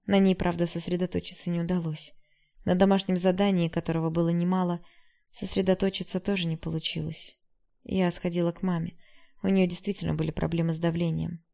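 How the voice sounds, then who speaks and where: Woman audiobook narrator, gravelly, mellow, first-person novel reading. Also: lowish voice.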